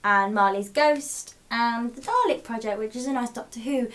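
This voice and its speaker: A woman's voice: on the high side, moderate pace. Bubbly young woman vlogger. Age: young adult. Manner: bubbly, laughs often, trails off. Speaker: book vlogger. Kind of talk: casual chat.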